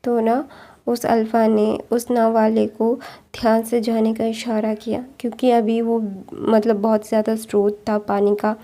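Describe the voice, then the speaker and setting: A woman's voice: on the high side, completely flat delivery, unhurried, warm tone. A woman casually narrating a long fan story, rambling, with many fillers and restarts.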